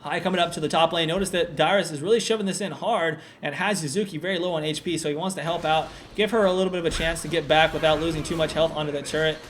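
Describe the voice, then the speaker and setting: A man giving solo play-by-play commentary on a video game, relaxed and analytical with frequent fillers. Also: fairly high pitch, fast talker, hardly any pauses, slight background noise. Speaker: esports commentator.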